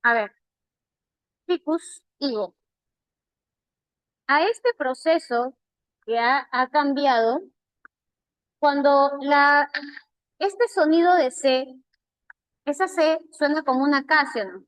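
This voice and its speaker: High-voiced Peruvian teacher, slow and patient. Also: female voice, a bit bright, no echo, low-quality recording. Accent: Peruvian Spanish. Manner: patient, repeats key terms slowly. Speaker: language teacher. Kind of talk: online class feedback.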